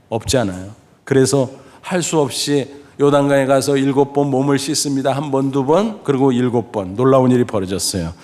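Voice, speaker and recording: A middle-aged man preaching a sermon as pastor. He asks the congregation questions and acts out the voices he quotes. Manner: lively preaching, speaking directly to the congregation with questions; acts out quoted voices with sudden pitch jumps.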